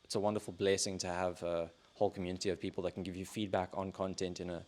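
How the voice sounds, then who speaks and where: Low-voiced man, measured interview guest. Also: little pitch movement, a little mellow. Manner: measured, hedging with "sort of" and "kind of". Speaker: podcast guest, entrepreneur. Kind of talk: casual interview chat.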